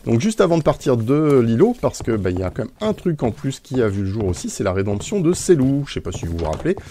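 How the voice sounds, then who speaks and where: Quick and very animated, this Minecraft streamer has a mellow mid-range voice, with a faint hiss or hum in the recording. He rambles casually through his gameplay, saying "euh" a lot and chuckling to himself.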